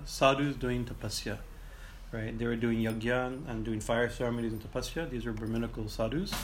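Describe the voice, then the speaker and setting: A man teaching and telling ancient myths informally, in a halting way that circles back over phrases and often checks in with "right?". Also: medium pitch. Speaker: teacher and storyteller. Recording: clearly noisy ambient background.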